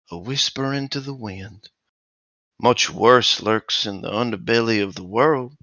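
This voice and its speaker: A man voicing a smug, menacing skeletal undead figure in a cloak, speaking softly and slipping into whispers. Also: low voice, no echo, dull audio, full character voice.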